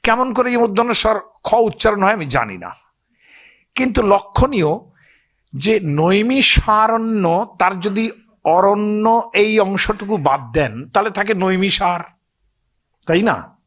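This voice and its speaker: Man with a Bengali accent, fairly high voice, chatty storyteller, wanders off on side points. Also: animated, slow pace, fairly bright tone. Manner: conversational, digressive, asks listeners for agreement. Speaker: speaker on scripture and myth. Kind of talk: storytelling talk to an audience.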